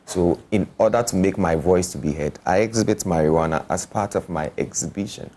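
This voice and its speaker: Deep-voiced man explaining. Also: fairly quick, a little mellow. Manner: explanatory, often checking the listener follows. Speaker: artist. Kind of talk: casual interview talk.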